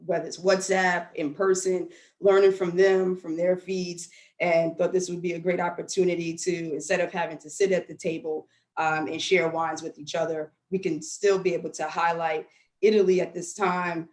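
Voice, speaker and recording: A woman hosting a virtual wine tasting, chatting in a relaxed way with fillers over a video call. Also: fairly low pitch, normal speed. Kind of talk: casual video call chat. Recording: echoey room on a video call.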